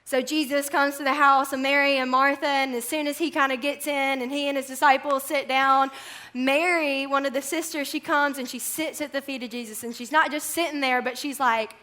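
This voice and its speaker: A young adult woman, giving a conversational, animated sermon to a campus ministry. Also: sits high, brisk.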